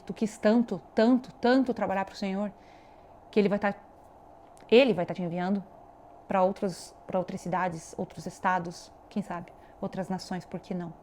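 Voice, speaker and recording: A woman's voice: medium pitch, warm tone, a little hiss or hum. A woman preaching a devotional video sermon, earnest and exhorting, speaking straight to the viewer. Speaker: online preacher.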